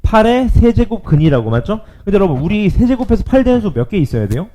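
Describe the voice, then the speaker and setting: A male math teacher giving a lively classroom lecture, often checking in with his students. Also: high voice, quick pace.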